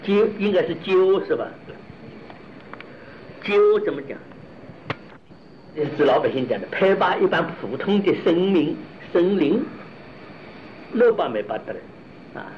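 A man gives a Buddhist doctrinal lecture, talking in a halting way, restarting phrases and asking his listeners rhetorical questions. His voice sits somewhat high for a man. The recording sounds dull and lo-fi, with a faint hiss of noise underneath. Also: very animated. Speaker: Buddhist philosophy teacher.

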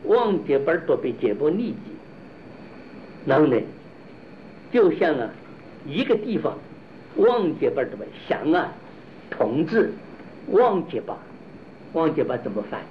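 Halting man giving a Buddhist lecture. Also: on the high side, very animated, dull audio, slight background noise. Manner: halting, repeats and restarts phrases, asks rhetorical questions. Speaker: Buddhist philosophy teacher.

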